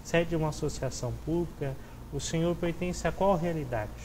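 A man's voice: fairly high pitch, a little fast, darkish tone, slight background noise, poor audio. A young man, a priest hosting a religious TV program, greeting viewers and asking questions in a friendly, formal manner on a lapel mic in a studio. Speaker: TV host, priest. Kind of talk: TV interview hosting. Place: TV studio with chapel set.

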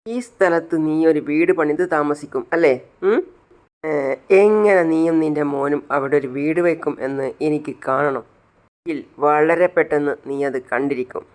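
A man's voice: on the high side, normal speed, a little mellow, close to an everyday voice. A man voicing a scornful, mocking villainous woman in a retold TV serial story. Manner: mocking, taunting.

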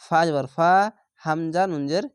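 A man teaching Quran reading, sounding out each letter and syllable slowly and patiently in a step-by-step lesson. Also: a little high, fairly even intonation, smooth, no echo, clean studio sound. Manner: slow, drawn-out syllable-by-syllable recitation.

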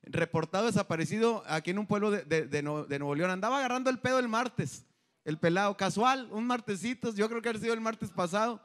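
A man's voice: sits high, a little fast, fairly bright tone. A man hosting a live comedy show, telling crude slang-filled stories and acting out the characters. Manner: crude slang-heavy storytelling, acts out characters. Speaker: comedian host. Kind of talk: live stand-up storytelling.

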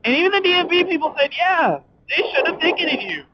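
A young man vlogs from his motorcycle while riding at night, rambling casually and excitedly with plenty of slang and swearing. His voice is very high-pitched and fast. It's captured by a helmet communicator mic inside his helmet, so it sounds muffled, and background noise comes through clearly.

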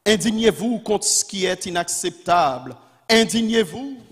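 A man's voice: sits high, animated, measured pace, breathy edge. A man preaching a fiery sermon as a pastor, repeating his calls in a rising, insistent cadence. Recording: long hall reverb.

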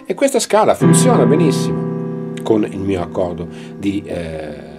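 A man with an Italian accent teaching a piano lesson, pausing often and demonstrating scales at the keyboard. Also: low-pitched, wildly swooping pitch. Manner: explains slowly with fillers, demonstrating at the keyboard. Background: piano playing.

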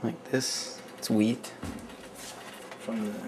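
Late at night in a small home kitchen, a young man hosts a homemade cooking show, rambling offhandedly with lots of fillers in a fairly low, flat voice and drawn-out words. Loud music sits behind him, and the close handheld camera mic gives noisy home audio for this casual cooking demo.

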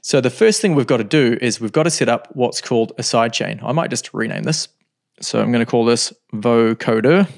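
Medium in pitch and touched with vocal fry, a middle-aged man's voice leads a calm, step-by-step music software lesson. He pauses to think as he goes, recording at his home studio desk.

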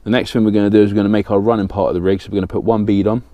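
A thirtysomething Englishman with a southern accent hosts a fishing channel, walking through a rig step by step in a plain, practical way as he works with his hands in a small indoor studio with a banner backdrop. His voice is lowish and level, very fast and dark-toned, with no room sound.

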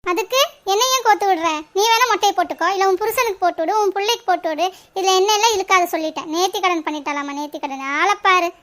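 A sharp-tongued cartoon village woman, who scolds and lectures bluntly. Her voice is very high, and she talks quickly. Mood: indignant. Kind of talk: cartoon voice acting.

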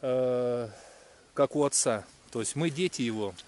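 A man vlogging outdoors in the countryside, musing on faith in a hesitant way, with many pauses and fillers. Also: mid-range voice, darkish tone, slight background noise. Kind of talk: casual spiritual musing to camera. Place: outdoors in a rural area.

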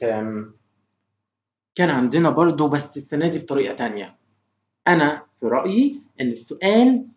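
Man, Egyptian Arabic accent, English teacher, slow repeat-after-me words, roomy echo, dull lo-fi sound. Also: on the high side, darkish tone. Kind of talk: recorded classroom lesson.

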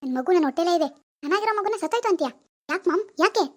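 A woman's voice: very high voice, expressive, racing. A woman voicing a grieving young woman who believes she is still pregnant, childlike, dreamy and stubborn. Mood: defiant. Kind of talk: animated family drama voice acting.

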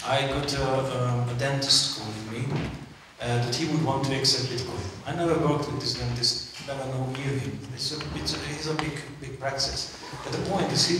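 A man on a conference panel telling a story in an earnest way. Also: mid-range voice. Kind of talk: panel discussion. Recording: echoey hall from far off, noisy.

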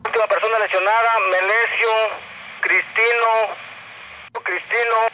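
A man dictating an incident report over a two-way radio as a police officer, haltingly and repeating phrases. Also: high-pitched, steady tone. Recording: dull, noisy two-way radio transmission.

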